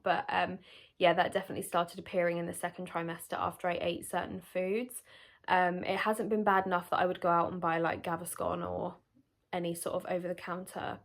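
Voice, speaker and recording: A young British woman vlogger talking casually to camera in a candid, explanatory, conversational way. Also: fairly low pitch. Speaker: vlogger answering pregnancy questions.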